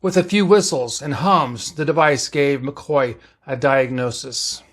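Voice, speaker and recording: A man reading fan fiction aloud as narrator, in a steady, plain storytelling way. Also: medium pitch, measured pace.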